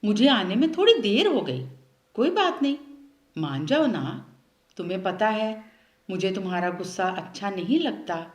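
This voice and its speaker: A woman's voice: medium pitch, sing-song, normal speed, lightly acted. A woman doing a sweet-talking clever fox. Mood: pleading. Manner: coaxing, sing-song pleading. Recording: roomy echo.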